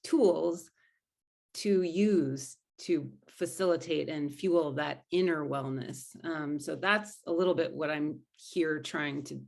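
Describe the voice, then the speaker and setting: A woman's voice: deep voice, slow pace, gravelly. A woman guest in an interview, speaking earnestly and thoughtfully as a spiritual coach, often restarting her sentences. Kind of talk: conversational interview answers.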